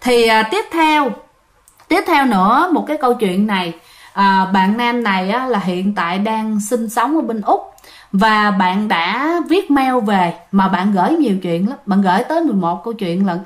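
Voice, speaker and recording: A woman with a Southern Vietnamese accent telling ghost stories in a chatty way, often addressing her listeners directly. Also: on the high side. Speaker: ghost story narrator. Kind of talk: casual storytelling of listener-sent ghost stories.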